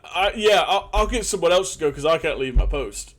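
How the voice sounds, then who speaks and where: A man's voice: a little high, animated, crowd noise, close to an everyday voice. A man playing a dim, stammering castle guard. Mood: flustered. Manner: hesitant, stammering, slow on the uptake. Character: dim-witted nervous male castle guard.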